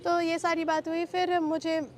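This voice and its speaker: A woman being interviewed, recounting a painful personal ordeal in agitated speech, mixing English into Hindi and asking sharp rhetorical questions. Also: very high-pitched, level tone, unhurried. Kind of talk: emotional personal account.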